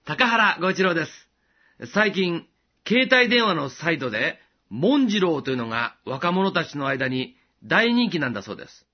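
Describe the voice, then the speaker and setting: Male radio preacher, high and lively pitch, earnest and measured delivery, dull lo-fi sound. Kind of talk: short radio devotional message.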